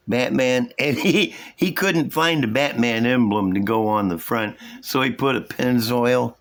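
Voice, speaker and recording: A man with a slow, folksy drawl, casually showing and explaining his hobby projects to viewers. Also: medium pitch. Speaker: hobby model-building vlogger. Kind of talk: casual show-and-tell commentary.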